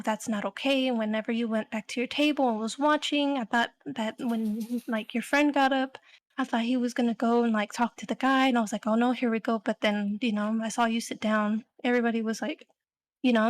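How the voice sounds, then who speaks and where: A woman's voice: on the high side, steady tone, fairly quick. A young adult woman co-hosting a podcast, telling a story in a rambling, casual way full of fillers. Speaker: podcast co-host.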